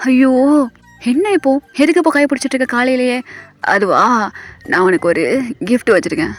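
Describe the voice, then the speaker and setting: A woman voicing a cocky, possessive young man who speaks low and firm in a storybook reading. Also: big pitch swings, brisk, soft background music. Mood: teasing.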